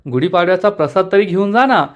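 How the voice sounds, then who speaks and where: Man doing a spirited young office woman, teasing, confident, raised pitch. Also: expressive, fast, dull audio.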